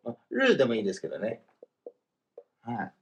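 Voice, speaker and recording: A man teaching Chinese grammar in a casual, explanatory lesson, slowing down for the example phrases. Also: mid-range voice, huge pitch swings, a little hiss or hum. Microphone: voice message recording.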